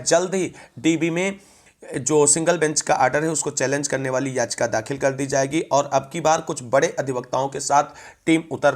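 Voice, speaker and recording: Male news presenter, mid-range voice, formal wording and long running sentences. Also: mid-range voice. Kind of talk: news update narration.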